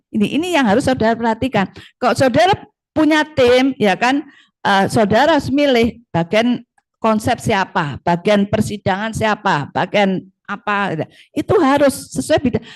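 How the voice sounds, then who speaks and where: A middle-aged woman giving a conversational law lecture, often checking in with her students. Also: a little high. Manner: lively, conversational, frequent tag questions. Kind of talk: classroom lecture.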